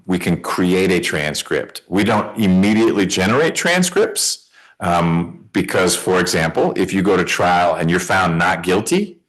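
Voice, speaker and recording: This judge has a low, slightly bright voice, captured on a rough recording. He explains courtroom procedure informally and plainly, pausing to make sure he's understood.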